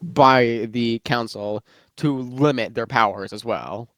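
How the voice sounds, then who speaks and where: A man's voice: medium pitch, takes it slowly, fairly bright tone, no room sound, studio quality. A man chatting casually about fictional lore, rambling with lots of fillers and restarts while eating, so he sounds slightly muffled. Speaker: guest worldbuilder.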